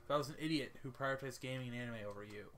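A man reading a visual novel aloud for a let's play, quiet and even. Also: medium pitch, racing.

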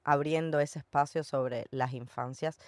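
A woman's voice: deep voice, fairly even intonation, measured pace, no room sound. A woman with a Cuban Spanish accent in a conversational podcast, reflecting on her own experience. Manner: reflective, telling personal experience.

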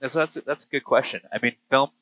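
Speaking fast at a medium pitch with a slightly bright voice, this British Columbian man in his thirties, a diver and filmmaker, shares stories in a casual interview. He has a western Canadian accent and is recorded mid-flight in a small plane cockpit through a close aviation headset boom mic on the intercom.

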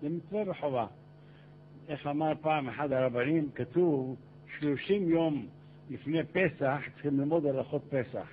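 Older rabbi man, high lively voice. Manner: animated, acts out dialogue in raised voice. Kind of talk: Torah lecture with storytelling. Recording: tinny phone-like archive recording with hiss.

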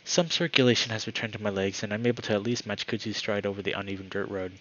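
A man's voice: fairly low pitch, fast, a bit bright, muffled recording, slight background noise. A man reading a visual novel aloud for his channel, narrating dramatically with the odd casual aside. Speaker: gaming YouTuber.

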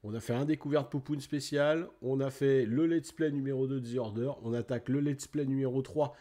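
A middle-aged French man streaming a game, chatting casually with viewers by name and filling pauses with little sound words. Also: mid-range voice, steady tone, dark tone. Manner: chatty, greets viewers by name, fillers like "tac" and "hop là". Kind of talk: casual let's play chat.

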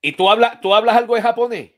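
A man's voice: extremely high pitch, quick pace, fairly bright tone. A man hosting a casual online interview, telling stories with playful asides. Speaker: host.

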